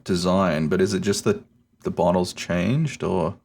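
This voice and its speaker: A man's voice: low-pitched, unhurried, creaky, a little mellow. A man chatting casually on a game stream, wry and teasing.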